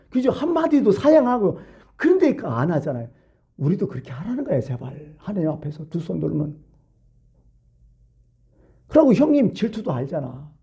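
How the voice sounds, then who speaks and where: Animated preaching man, dark tone. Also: a little high, lo-fi sound. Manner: animated, colloquial storytelling with rhetorical questions. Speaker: pastor. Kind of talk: sermon.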